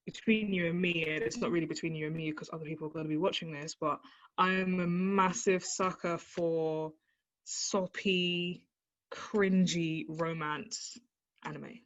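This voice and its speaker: Chatty young woman, lo-fi sound. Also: on the low side. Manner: chatty, animated, lots of fillers. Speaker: guest, anime fan. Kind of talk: casual interview chat. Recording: slightly dull lo-fi audio.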